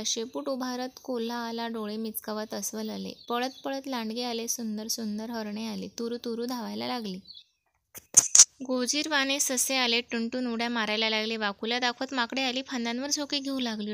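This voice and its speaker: A woman narrates a children's storybook lesson. Her voice sits a touch higher than usual and livens up whenever a character speaks. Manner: animated, voices dialogue with lifted pitch. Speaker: storyteller reading a school lesson. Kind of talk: expressive storybook reading.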